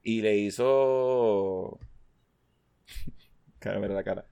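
A man, casually chatting as a podcast co-host and telling animated stories, swearing constantly and mimicking the people he talks about. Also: lowish voice, very slow, creaky, clear, resonant tone. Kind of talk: casual chat.

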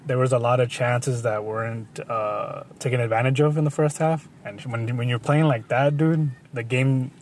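A man's voice: medium pitch, fairly even intonation, moderate pace, few pauses, a little hiss or hum. A man co-hosting a casual sports chat, rambling with many restarts and saying "dude" constantly. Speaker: podcast co-host.

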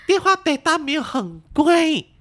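Lively Malaysian woman telling a story. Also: sits high, unhurried, a little hiss or hum. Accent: Malaysian Mandarin. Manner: animated, exasperated storyteller who acts out the people she quotes. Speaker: podcast speaker. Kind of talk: casual chat, telling an anecdote.

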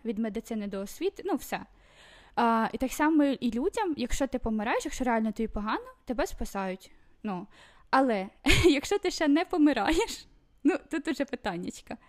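A woman's voice: on the high side, lively intonation, fairly quick, darkish tone. A woman chatting casually as a guest, talking in a loose way full of fillers and restarts. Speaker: podcast guest living in Sweden. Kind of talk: casual chat.

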